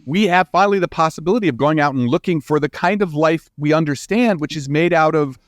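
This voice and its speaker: A scientist and book author speaks as an expert guest on a podcast interview, explaining informally and emphatically. His voice is on the high side, and he makes halting restarts, often adding "you know" and "right?". The recording is dry and studio quality.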